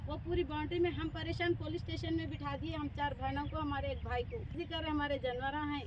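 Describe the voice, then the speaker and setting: High-voiced distressed woman on the street. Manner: distressed, insistent. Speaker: interviewee in a land dispute. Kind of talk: street interview complaint. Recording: outdoor street noise with passing vehicles.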